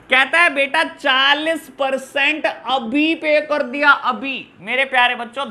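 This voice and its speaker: A commerce teacher with a high, bright, forceful male voice explains journal entries in an accounts lesson. Affectionate toward his class, he calls them "my dear children" and mixes in accounting terms.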